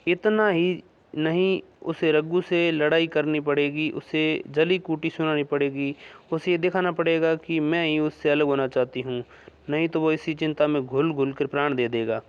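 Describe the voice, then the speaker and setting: A man reading a classic short story aloud in a measured storytelling manner. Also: a little high, fairly even intonation, smooth. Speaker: story reader. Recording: dull lo-fi recording.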